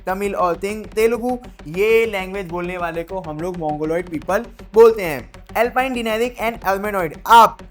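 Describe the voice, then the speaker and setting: A woman's voice: mid-range voice, a little slow, hardly any pauses, soft background music. A woman teaching an exam revision lesson, playful and chatty, drilling her points by asking questions and answering them herself.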